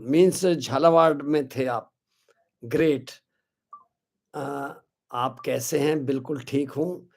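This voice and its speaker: A man's voice: fairly high pitch, a little mellow. A man in his sixties with an Indian accent, hosting a live motivational webinar in Hindi and English, upbeat and greeting viewers by name as "my dear friends". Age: 60s. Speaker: webinar host. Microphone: live stream to social media.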